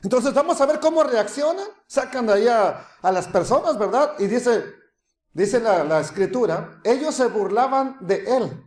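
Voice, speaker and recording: A man preaching a sermon, dramatic and animated, swinging between loud calls and hushed asides. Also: very high voice, moderate pace, reverberant.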